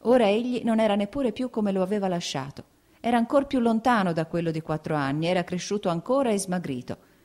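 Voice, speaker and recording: A woman reading a novel aloud as an audiobook narrator, in measured, expressive storytelling. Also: medium pitch.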